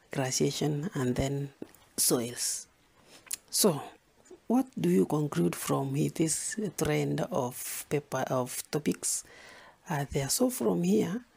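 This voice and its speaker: A man's voice: fairly high pitch, vocal fry, darkish tone, breathy edge. A man from Kenya giving an exam revision lesson, listing topics and repeating key points for emphasis. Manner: repetitive, emphatic, lists topics. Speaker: teacher.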